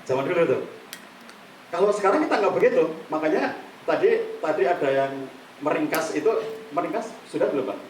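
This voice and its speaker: A middle-aged man giving a live workshop on counseling to an audience. He talks in a lively way and acts out examples in quoted voices. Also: on the high side, brisk, pauses often, a little hiss or hum. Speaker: counseling trainer. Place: meeting room with a live audience. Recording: echoey room from far off, faint ambience.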